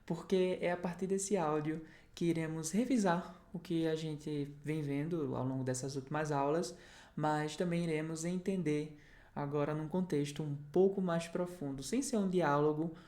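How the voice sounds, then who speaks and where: A woman's voice: sits low, normal speed, mellow. A woman with a Brazilian Portuguese accent teaching an online English lesson, explaining patiently and often checking that the learner is following.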